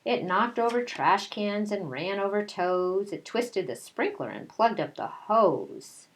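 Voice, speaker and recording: A kindergarten teacher reads a picture book aloud during story time, her medium-pitched voice expressive and slow. She speaks directly to the young children, blending the reading with casual, conversational chat.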